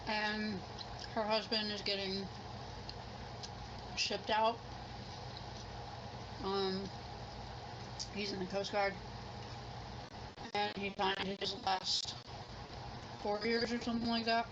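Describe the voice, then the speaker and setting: A middle-aged woman vlogs a mukbang, chatting casually and ramblingly while she eats and sounding unsure of herself. Her medium-pitched voice is flat and slow, with long pauses. The recording is muffled, with clear background noise.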